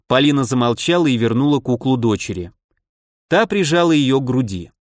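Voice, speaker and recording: A man reading an audiobook aloud in an expressive, lively way. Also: mid-range voice, dry recording, clean studio sound. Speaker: narrator. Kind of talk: audiobook narration.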